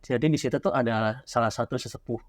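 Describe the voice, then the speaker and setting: A young man, a horror writer recounting a childhood scare in casual podcast chat. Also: medium pitch. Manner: animated storyteller, quick and loose. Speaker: guest, horror story writer.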